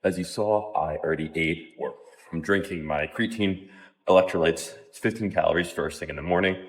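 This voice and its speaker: A young college man, a fitness vlogger, talks casually to the camera in a low, fairly quick voice with a breathy edge. Slightly out of breath on a treadmill, he rambles in a laid-back way with lots of ums and likes.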